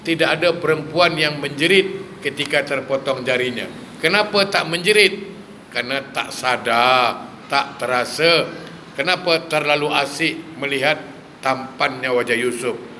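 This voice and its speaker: A male preacher gives a lively sermon, firing rhetorical questions at his listeners and mixing in humor. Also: a little high, slight background noise. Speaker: religious preacher.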